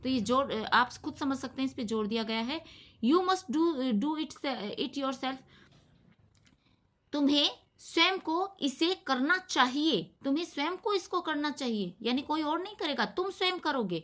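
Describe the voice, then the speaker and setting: A woman teaching an English grammar lesson, reading example sentences slowly and then explaining them step by step. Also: high voice, lively intonation, a bit bright.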